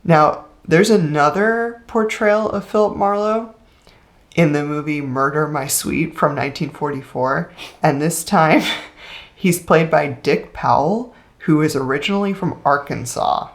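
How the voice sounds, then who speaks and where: A woman's voice: low-pitched, unhurried. A woman co-hosting a podcast, in a chatty, casual film discussion with frequent laughs. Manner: chatty, laughs often, uses fillers. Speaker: podcast co-host.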